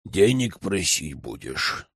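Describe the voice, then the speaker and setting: A grumpy old village elder mutters his doubts in a low, grudging voice, as a male storyteller puts him on. He speaks slowly through his teeth, suspicious of every request. The recording is dry and close, like a storybook audiobook. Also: very animated, no room sound, full character voice. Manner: gruff, grudging and slow.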